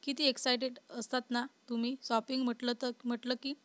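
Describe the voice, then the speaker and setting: Woman reading a hot-headed young guy in an audio love story, flat even voice, dry close sound. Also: a little high, fairly quick, no echo, natural voice. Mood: calm. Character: young man, a short-tempered protective boss.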